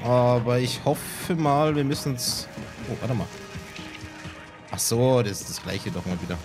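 Give me a male gamer who chats slowly and mocks himself while he plays, with game music behind him. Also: mid-range voice. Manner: musing, self-mocking, talks to himself while playing. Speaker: let's play gamer. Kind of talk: casual game commentary.

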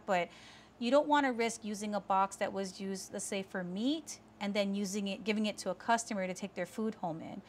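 A woman, presenting kitchen storage products to camera in a clear, instructive way from a small indoor studio set. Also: mid-range voice. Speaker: sales rep presenting products. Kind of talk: scripted product explainer.

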